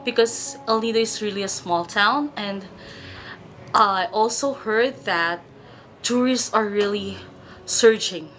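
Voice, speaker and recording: A woman's voice: mid-range voice, takes it slowly, fairly bright tone, a little hiss or hum. A woman from the Philippines, a returning tourist, giving earnest interview answers in simple phrasing.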